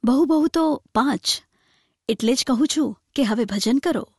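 A woman's voice: high voice, unhurried, dark tone, husky, no room sound, studio quality, exaggerated voice. A woman voicing a timid, servile male clerk who speaks hesitantly and deferentially. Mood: caring.

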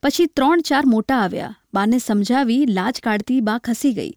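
A woman narrating a literary short story in a measured, reflective way. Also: fairly high pitch, a little mellow, dry recording, studio quality.

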